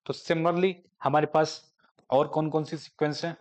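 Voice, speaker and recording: A man giving a math lecture, explaining step by step and slowing down to dictate definitions. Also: on the high side, fairly even intonation. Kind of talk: classroom lecture.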